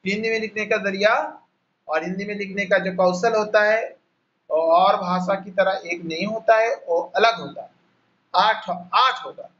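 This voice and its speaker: High-voiced Bengali-accented man teaching online. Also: fairly even intonation, fairly bright tone, muffled recording. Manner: slow, repetitive explaining, spelling out each sound. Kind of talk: online class lesson. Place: home, on a video call. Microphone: laptop mic on a video call.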